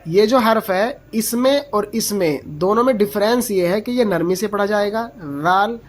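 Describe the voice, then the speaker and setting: A Quran reading teacher giving a slow, step-by-step pronunciation lesson, explaining where each letter is formed and repeating its sound aloud. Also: medium pitch. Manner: patient, explains slowly and models each letter sound aloud several times; asks the learner short checking questions.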